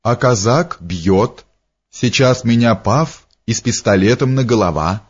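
A man voicing an excitable, fawning little man who speaks broken, exclaiming phrases. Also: medium pitch, husky. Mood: fretful. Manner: broken grammar, exclamations, drawn-out words. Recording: dull lo-fi recording.

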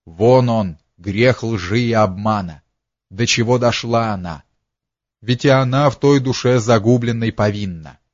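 A man reading a literary story aloud as narrator, in a slow, dramatic storytelling manner. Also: mid-range voice, no room sound, muffled recording.

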